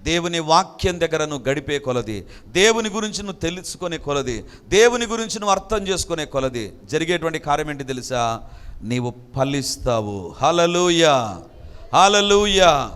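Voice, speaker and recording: A man's voice: fairly high pitch, animated, brisk, a bit bright, smooth, long reverb tail. A male pastor giving an emphatic sermon, full of rhetorical questions to his listeners and with English phrases mixed in.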